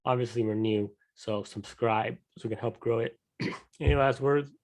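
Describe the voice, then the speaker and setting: Laid back young dude cohosting a podcast, wry jokes, mid pitched voice. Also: male voice, normal speed, a little mellow. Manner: easygoing, wry joker. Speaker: podcast co-host. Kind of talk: casual chat.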